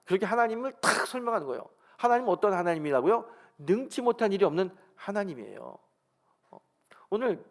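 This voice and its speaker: Man, middle-aged pastor, Sunday sermon, higher-pitched voice, storytelling, rhetorical questions to the congregation. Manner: storytelling, acts out God's words in lively quoted speech. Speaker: senior pastor. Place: church sanctuary.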